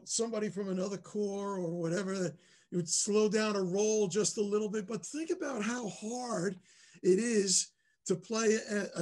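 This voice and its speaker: A man's voice: high voice, a little mellow. A man in his fifties thoughtfully explaining things in a casual reunion chat.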